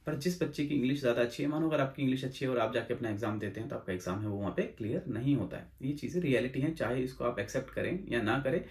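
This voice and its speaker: A man's voice: mid-range voice, expressive, a little mellow. A young man who hosts his own channel, explaining exam tips in a casual, repetitive way and mixing in English phrases. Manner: rapid, repetitive, mixes English phrases into Hindi. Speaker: OET exam coach and channel host. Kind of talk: casual explanatory video talk.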